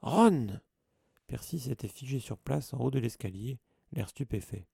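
A man narrating an audiobook in an even storytelling voice. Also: mid-range voice, normal speed, creaky, breathy edge, dry recording, clean studio sound. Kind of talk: scripted narration.

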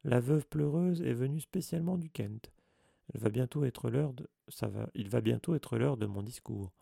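Man doing proud courteous male ghost, courtly, dark voice, dry storybook reading. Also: medium pitch, moderate pace, gravelly, breathy edge, dry recording.

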